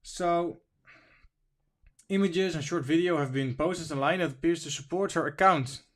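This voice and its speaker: A man's voice: fairly high pitch, normal speed, a bit bright. A man hosting a casual livestream, reading news and chat aloud in a wandering, informal way, sniffly from allergies. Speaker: stream host.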